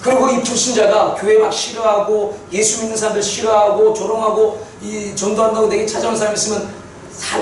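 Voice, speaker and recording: A man preaching a sermon testimony, telling his story with animated repetition for emphasis. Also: high-pitched, slight background noise. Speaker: pastor. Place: church sanctuary. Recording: echoey church hall from far off.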